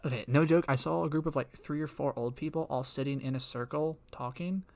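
A man's voice: on the high side, fairly quick, gravelly. A young man co-hosting a casual podcast, rambling and filling his talk with "like" and frequent laughs. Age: young adult. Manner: rambling, fills with "like", laughs often. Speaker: podcast co-host.

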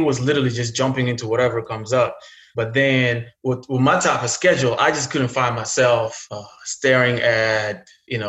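Heard again in an echoey room, the Arabic-speaking investor from South Sudan, a man in his thirties, has a medium pitch and a fairly bright tone. His casual interview talk keeps stumbling into fillers and restarts.

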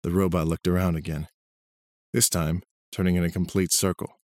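Deep-voiced man narrating a story. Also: level tone, normal speed, darkish tone, dry recording.

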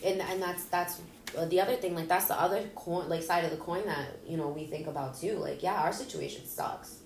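A woman's voice: lowish voice, fairly even intonation, brisk. A woman guest on a casual podcast chat, talking bluntly and with emphasis. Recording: echoey room with faint hiss.

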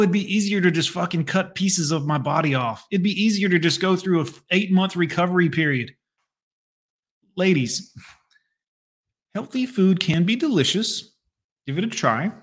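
A man with a fairly high voice delivers blunt, crude commentary. He mocks and scolds without holding back. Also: expressive, moderate pace, fairly bright tone. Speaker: commentator reacting to a radio clip. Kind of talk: profane reaction commentary.

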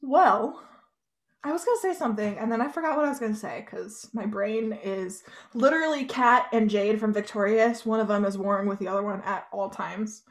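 A woman's voice: medium pitch, fairly quick. A young woman co-hosting a casual podcast, chatty and laughing, swearing now and then. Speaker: podcast co-host.

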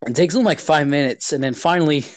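A man's voice: fairly high pitch, quick pace, no room sound. A teenage boy telling funny stories in a rambling, laughing way, full of swearing and filler words. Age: teens. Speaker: podcast host telling stories. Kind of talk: casual storytelling.

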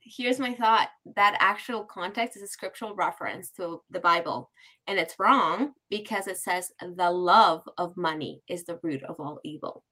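A woman's voice: on the low side, moderate pace, bright, forceful tone, rough recording. A woman in her thirties co-hosting a podcast, chatting casually and laughing often. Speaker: podcast co-host. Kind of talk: casual chat.

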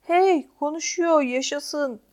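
Woman reader doing a loud mocking teen boy, kinda high voice, storybook. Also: normal speed. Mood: taunting. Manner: loud, taunting.

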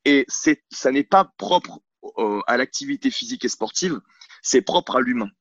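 A blunt, outspoken man speaks as a coach in a casual interview, often stumbling and restarting mid-sentence. His voice sits at a middle pitch. The sound is dry and a little dull, as if recorded on a camera at home. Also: expressive, moderate pace, dry recording. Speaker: CrossFit coach, podcast guest. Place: at home on a couch, filming himself. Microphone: camera mic.

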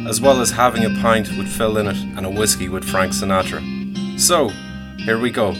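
A man's voice: lowish voice, moderate pace, loud music behind the voice. A man introducing a podcast as its host and interviewer.

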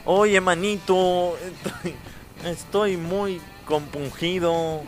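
A man voicing a glum adult Mexican football fan in comic radio banter, with a put-on Mexican accent and a mopey, drawn-out delivery. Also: sits high, steady tone, soft background music. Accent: put-on Mexican Spanish. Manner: mopey, drawn-out, laughing at own jokes.

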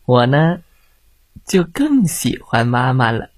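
A man hosting a bedtime story show for children, reading aloud in a soft, lilting storytelling manner. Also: medium pitch, sing-song, slow, dry recording. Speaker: storyteller host.

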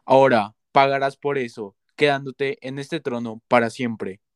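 A man's voice: medium pitch, fairly even intonation, unhurried, clear, resonant tone, no room sound, clean studio sound, natural voice. A man playing a resentful rejected son, an outcast god, speaking sternly in a myth podcast. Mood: bitter. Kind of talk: acted myth retelling for podcast.

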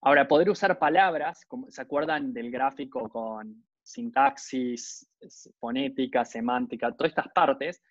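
A man's voice: medium pitch, lively intonation, moderate pace, no room sound. Man, Argentine accent, university lecturer, conversational, keeps checking in with listeners, slightly dull lo-fi sound. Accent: Rioplatense Argentine Spanish. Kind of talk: informal lecture.

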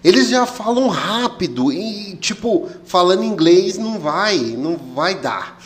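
Male podcast host, fairly high voice, casual and slangy, full of jokes. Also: a little slow. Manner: slangy, joking, relaxed storyteller.

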